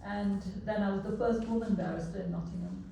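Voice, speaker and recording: An older woman, a former barrister and lecturer, speaking briskly from the floor at an event. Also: medium pitch, warm tone. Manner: brisk and reassuring. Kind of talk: short speech from the floor. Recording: roomy hall from far off, noisy.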